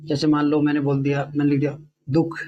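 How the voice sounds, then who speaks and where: A man's voice: fairly high pitch, completely flat delivery, warm tone, lo-fi sound, soft background music. A man teaching a Hindi grammar lesson for exam preparation, explaining step by step and often checking in with his students. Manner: repeats sounds slowly to demonstrate them.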